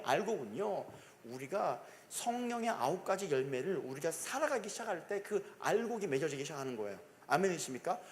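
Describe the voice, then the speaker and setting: A man preaching a sermon in a church, emphatic and repetitive, calling for amens from the congregation. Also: high-pitched. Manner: emphatic, call-and-response, repeats phrases. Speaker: pastor. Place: church sanctuary. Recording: long reverb of a church hall.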